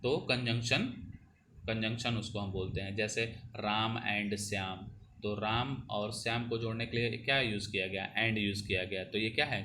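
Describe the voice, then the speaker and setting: Male tutor, patient and repetitive, bright tone, faint background noise. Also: fairly low pitch. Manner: explanatory, repeats "ठीक है ना" to check understanding. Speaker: teacher. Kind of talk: Hindi grammar lesson over a screen.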